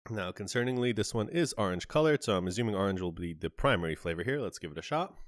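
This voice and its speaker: A man's voice: lowish voice, lively intonation, fast, dry recording, studio quality. A man hosting a casual on-camera candy review, chatty and describing each flavor in detail with small asides. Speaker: candy reviewer, channel host.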